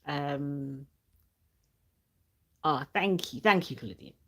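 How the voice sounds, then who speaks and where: With a cough sweet in her mouth and a sore throat, a young channel host chats through a casual livestream, laughing a lot and reading out viewer comments. She speaks slowly in a deep, animated voice with a fairly bright tone.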